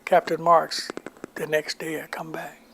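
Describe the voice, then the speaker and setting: A man's voice: a little high, completely flat delivery, a little slow, gravelly, fairly bright tone, slight background noise. An older man recounting his wartime army memories in an oral history interview, rambling and acting out the voices of people he quotes.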